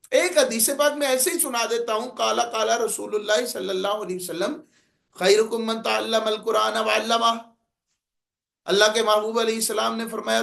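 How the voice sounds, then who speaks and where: A man's voice: high-pitched, creaky, a bit bright. A man with a Punjabi-inflected accent teaching a class on public speaking, explaining plainly and then declaiming example lines to show intonation. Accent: Punjabi-inflected Urdu. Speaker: oratory teacher.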